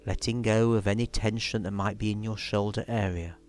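A man leading a guided relaxation in a soothing, measured way, leaving long pauses between instructions. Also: lowish voice, fairly even intonation. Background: music.

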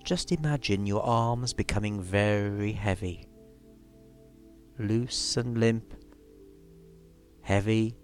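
Slow, low-voiced man guiding relaxation. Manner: slow, soothing, measured instruction with long pauses. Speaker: relaxation and hypnosis guide. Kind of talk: guided relaxation meditation. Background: music.

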